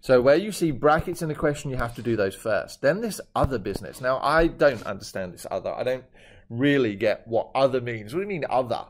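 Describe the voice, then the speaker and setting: A British man in his fifties, his accent drifting toward Australian, teaches a maths lesson over a screen recording, tossing in jokey, chatty asides. His mid-range voice is animated and fairly quick, with slight background noise.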